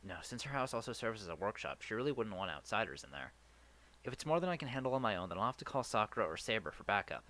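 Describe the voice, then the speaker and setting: A man hosting a let's play reads a visual novel's first-person narration in a voice on the low side, talking fast. He's earnest and animated, tripping over words occasionally, with faint game music behind him.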